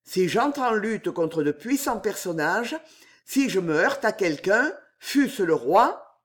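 A man's voice: high-pitched, sing-song, slow pace, fairly bright tone, pitched above the performer's own voice, full character voice. A man reading aloud, voicing a scheming nobleman who speaks in firm, emphatic declarations. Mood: commanding. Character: commanding scheming nobleman, cool and insistent.

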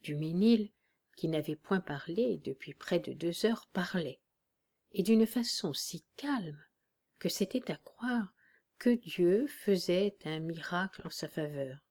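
A woman narrating a classic novel as an audiobook in a measured, even reading. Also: fairly low pitch.

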